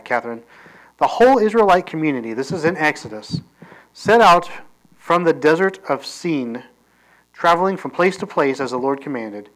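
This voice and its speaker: A man's voice: mid-range voice, poor audio. A man, a pastor, preaching a sermon. He reads scripture aloud and explains it in a conversational way, with fillers and restarts. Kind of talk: sermon reading scripture with commentary.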